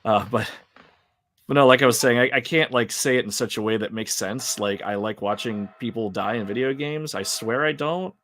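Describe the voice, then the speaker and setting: A man's voice: mid-range voice, normal speed, fairly bright tone, slight background noise. A man giving casual, rambling gameplay commentary on a livestream, laughing and talking to his chat. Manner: chatty, rambling, laughs often, talks to chat.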